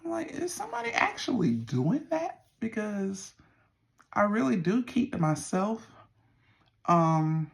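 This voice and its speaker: A middle-aged person with a Southern US accent and a creaky voice, chatting casually to viewers in a folksy, meandering way. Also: medium pitch, sing-song, a little slow. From Southern United States. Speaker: vlogger. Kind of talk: casual rambling check-in to viewers.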